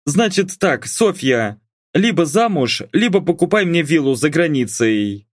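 A woman's voice: deep voice, sing-song, a little slow, no echo, studio quality, pitched above the performer's own voice, heavily acted. A man voicing a suspicious, bossy middle-aged mother who scolds her grown daughter, in an audiobook reading. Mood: commanding. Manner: nagging, bossy.

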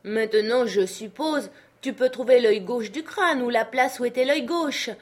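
A woman voicing a feverish gentleman who gives urgent, impatient commands. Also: on the high side, unhurried, pitched above the performer's own voice. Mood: commanding.

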